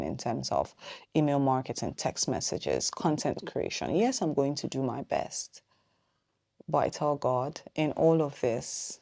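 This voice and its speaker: A woman's voice: rumbling low, vocal fry, mellow. A woman who owns a small business, giving casual vlog advice and thinking aloud with plenty of ums. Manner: says she is talking fast.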